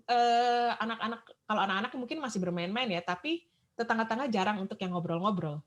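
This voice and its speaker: A woman's voice: mid-range voice, quick pace, dull audio. A woman from Indonesia, a guest in a casual chat, telling stories animatedly and acting out her children's voices.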